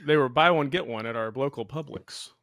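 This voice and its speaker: A man's voice: medium pitch, a little fast, a bit bright, no room sound, studio quality. A man co-hosting a casual movie podcast, joking around and putting on mocking voices for bits. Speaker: podcast co-host. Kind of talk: casual movie-night banter.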